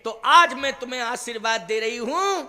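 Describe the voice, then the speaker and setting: A man's voice: extremely high pitch, lively intonation, normal speed, bright, forceful tone, in a large hall, heavily acted. A male preacher voicing a loving, affectionate queen mother in devotional storytelling, pleading and tender.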